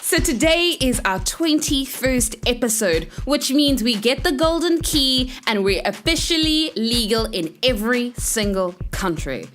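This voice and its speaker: A woman's voice: a little high, animated, a little slow, hardly any pauses, fairly bright tone, faint music behind. A woman hosting a podcast, upbeat and enthusiastic, introducing a guest and asking about his journey. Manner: enthusiastic, playful, with sung asides. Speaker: podcast host.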